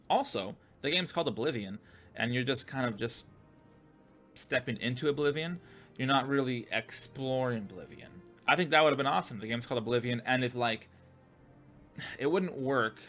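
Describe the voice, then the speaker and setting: A man talks through his game opinions in a loose, rambling monologue, stopping to search for words and restarting sentences. His voice is bright and forward, with a middling pitch, and he swears casually as he goes. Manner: rambling, profane, many fillers and restarts. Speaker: gaming channel host.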